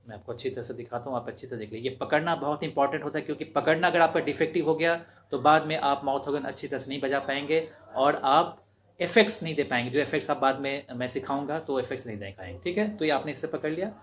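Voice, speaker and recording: A man's voice: mid-range voice, fast talker, fairly bright tone, slight background noise. A man teaching beginners harmonica, explaining patiently and repeating each step as he demonstrates. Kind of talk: instructional demonstration.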